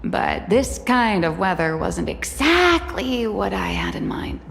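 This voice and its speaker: A woman's voice: medium pitch, sing-song, creaky, a little hiss or hum, exaggerated voice. An actress playing a whimsical young woman writer in a video game, teasing and breezy. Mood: playful. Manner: teasing, breezy, drawn-out phrases. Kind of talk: video game character acting. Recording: reverberant with faint music.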